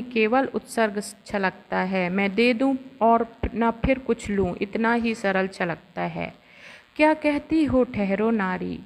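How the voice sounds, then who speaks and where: A woman giving a slow, measured, expressive recitation of classical poetry, after a short formal greeting. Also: on the high side. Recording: long reverb with faint ambient noise.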